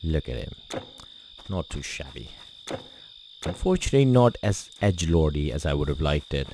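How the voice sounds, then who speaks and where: A bass-voiced, gravelly man with a sing-song delivery at normal speed rambles through casual let's-play commentary, self-deprecating and heavy on fillers. The gaming channel host is from Pakistan, a native Urdu speaker living in England. There's slight background noise and loud game music on his poor home mic.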